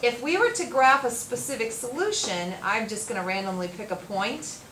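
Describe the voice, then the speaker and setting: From the back of an echoey classroom with faint noise, a far camera records a woman teaching math at the whiteboard. She guides students through each step and quizzes them. Her pace is moderate, and her high-side voice has a bit of brightness.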